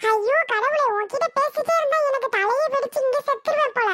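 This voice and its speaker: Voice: very high voice, brisk, sharp tone, dry recording, clean studio sound. A voice actor playing a young husband in a cartoon, speaking with a Tirunelveli Tamil accent, exasperated with his wife and pleading with his aunt. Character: young husband, defiant then tearful. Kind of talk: cartoon voice acting.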